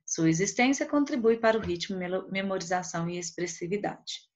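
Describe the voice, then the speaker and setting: A woman teacher giving a poetry lesson, counting out the syllables of each verse slowly and one by one. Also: mid-range voice, expressive. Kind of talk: online class on poetry. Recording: dull lo-fi recording.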